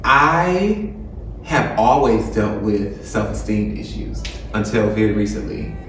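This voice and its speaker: A man's voice: on the low side, animated, takes it slowly, a bit bright, a little hiss or hum. A man of thirty introducing himself as a tennis instructor, earnest and plain-spoken. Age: 30s. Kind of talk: casual self-introduction. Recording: echoey room, distant mic.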